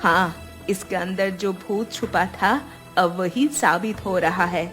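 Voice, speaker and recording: A woman's voice: lowish voice, takes it slowly, a bit bright, soft background music, pitched below the performer's own voice. A woman voicing a worried middle-aged mother-in-law in a cartoon, fretful in tone. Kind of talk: cartoon voice acting.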